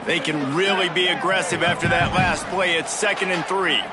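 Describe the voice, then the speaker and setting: A man's voice: sits high, fairly even intonation, moderate pace, natural voice. An American man giving play-by-play commentary on a football game. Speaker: play-by-play announcer. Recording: loud music and stadium crowd behind. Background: loud music, roaring crowd.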